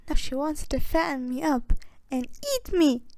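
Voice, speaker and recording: A woman voicing a hungry young boy who shouts. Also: high-pitched, moderate pace, gravelly, no room sound, pitched above the performer's own voice. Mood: loud, upset.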